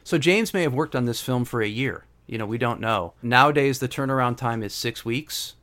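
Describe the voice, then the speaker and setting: A middle-aged man talks casually as a podcast guest. He tells rambling, wry stories and keeps an easy conversational flow. His voice sits at an ordinary pitch. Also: normal speed, a bit bright. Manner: storytelling, digressive, wry. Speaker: guest composer.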